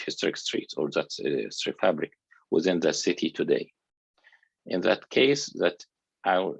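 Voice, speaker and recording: A man from Egypt, an architecture researcher, giving a conference lecture in an earnest, halting way with frequent restarts. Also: low-pitched, creaky, slightly rough, no echo, dull audio.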